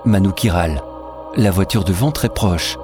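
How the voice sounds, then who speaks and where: A man with a fairly low voice narrates a story, telling it steadily and descriptively. Clear music plays behind him throughout. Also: normal speed.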